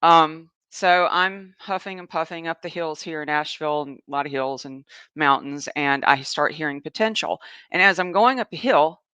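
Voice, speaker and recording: A woman's voice: deep voice, moderate pace, bright, forceful tone, clear, resonant tone, no echo. A woman with a Southern US accent hosting a live show, chatting casually and rambling through a personal story. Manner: chatty, rambling, laughs often, reads viewer comments. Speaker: host, animal communicator. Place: home in Asheville.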